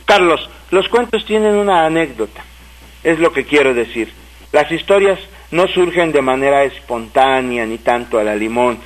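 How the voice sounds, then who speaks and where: A Mexican man co-hosting a casual radio talk show, an animated storyteller who restarts and repeats words as he goes. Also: a little high, moderate pace, poor audio. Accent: Mexican Spanish. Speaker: radio co-host and writer. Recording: radio broadcast.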